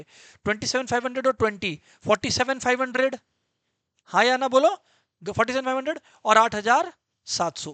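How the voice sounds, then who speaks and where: A man's voice: very high-pitched, sharp tone, dry recording. A man teaching an exam-prep lecture, emphatic and drilling terms over and over. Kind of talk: online lecture.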